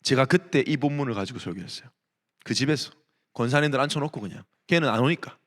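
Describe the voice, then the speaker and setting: A man's voice: medium pitch, fast, in a large hall. A male pastor preaching a sermon to young adults, telling stories and firing off rhetorical questions. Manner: animated storytelling with rhetorical questions. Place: church sanctuary.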